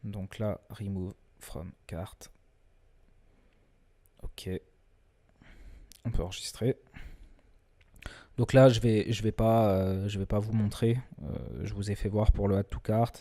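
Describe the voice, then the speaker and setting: A man presenting a screen-recorded software tutorial in a relaxed, chatty way, often hesitating and restarting his sentences. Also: lowish voice. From France. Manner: self-deprecating humor.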